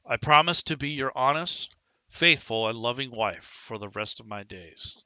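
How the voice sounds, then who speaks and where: A man's voice: medium pitch, animated, normal speed, bright, forceful tone, no room sound, rough recording. A man voicing a proud, determined young groom. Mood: earnest.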